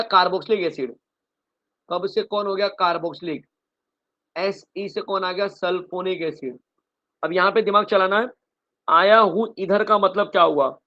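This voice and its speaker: A male chemistry teacher gives a lively online revision lecture and keeps addressing his students directly. He throws out questions, answers them himself, and writes on a board as he goes. His voice sits fairly high, and the recording sounds dull and lo-fi. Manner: calls students "bachche" and "bhai", explains with a story mnemonic; writes on a board while talking.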